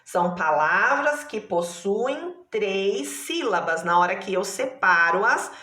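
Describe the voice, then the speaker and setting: Slow, patient Brazilian woman teacher. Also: medium pitch, animated, pushed and bright, roomy sound. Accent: Brazilian Portuguese. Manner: patient, slow, drawn-out syllables with frequent checks. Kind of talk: primary school lesson.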